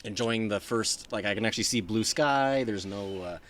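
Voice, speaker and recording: A man's voice: on the low side, moderate pace, heavy background noise. A man in casual conversation as a podcast co-host, recorded outdoors in a backyard. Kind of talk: casual chat. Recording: faint outdoor backyard ambience.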